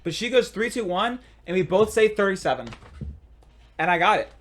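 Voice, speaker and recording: A man's voice: sits high, lively intonation, normal speed, a bit bright. A young man co-hosting a casual podcast, telling rambling stories and playfully bragging. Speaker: podcast co-host.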